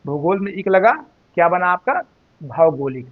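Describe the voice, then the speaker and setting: Male Hindi teacher, high voice, unhurried drilling delivery, dull lo-fi sound. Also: lively intonation. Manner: slow, drawn-out repetition of words, addresses students as "beta". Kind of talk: spelling and grammar lesson.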